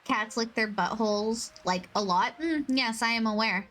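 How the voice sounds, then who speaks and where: A woman's voice: fairly high pitch, normal speed. A woman streamer chatting casually with her chat while playing a game, rambling and self-mocking, often laughing at her own jokes. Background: soft background music.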